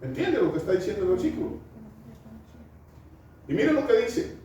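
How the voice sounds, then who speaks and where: Animated male preacher in an echoey hall. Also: sits high, normal speed. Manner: preaching with rhetorical questions to the congregation; asides and chuckles mid-sermon. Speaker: pastor. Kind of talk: sermon. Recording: very echoey hall, voice from far off, faint noise.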